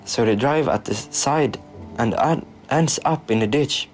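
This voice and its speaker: A man reading a story aloud, halting at times and restarting words. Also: medium pitch, faint music behind. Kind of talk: scripted story narration.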